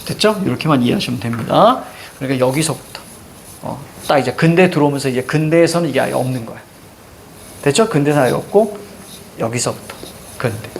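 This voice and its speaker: A man's voice: mid-range voice, animated, fast talker, gravelly, background noise. A middle-aged male teacher giving a classroom lecture, drilling students with frequent check-in questions and stretching out example words for emphasis. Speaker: Korean language teacher.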